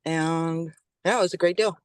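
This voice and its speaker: A woman's voice: low-pitched, steady tone, a little mellow, clean tone, no echo. A woman real estate agent calling in while driving, eating breakfast and talking between bites. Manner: hurried, chewing while talking. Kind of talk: casual update while driving. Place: car.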